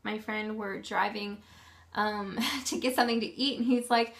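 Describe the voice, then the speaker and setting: A woman's voice: medium pitch, steady tone, moderate pace, a bit bright. A woman from Canada with a Canadian accent, chatting casually in a vlog, rambling and filling gaps with "um" and "like.". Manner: rambling, full of "um" and "like", loses her thread. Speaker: vlogger.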